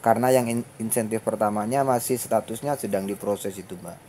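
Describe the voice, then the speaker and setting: A man's voice: lowish voice, steady tone, fairly quick. A man making a casual enquiry as a caller on the phone. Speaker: caller to a helpline. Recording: phone call with faint background noise.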